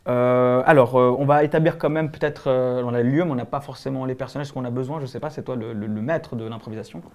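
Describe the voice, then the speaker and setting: A man's voice: mid-range voice, steady tone, fast talker, darkish tone. A man with a Swiss French accent hosting a live-stream talk show, rambling with many fillers. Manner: rambling, hesitant, lots of fillers. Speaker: host.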